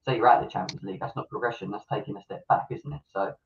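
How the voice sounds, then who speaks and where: A man's voice: on the low side, very fast, creaky, slight background noise. A British man hosting a casual football fan show, his voice muffled and underwater-sounding through a faulty microphone. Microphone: malfunctioning microphone on a remote call.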